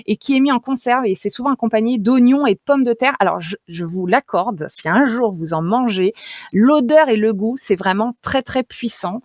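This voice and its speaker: Bright-voiced French woman dietitian on radio. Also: on the high side, moderate pace, no echo, clean studio sound. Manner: chatty, playful, laughs easily, many fillers. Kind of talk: radio nutrition segment, lively explaining. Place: radio studio. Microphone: studio radio mic.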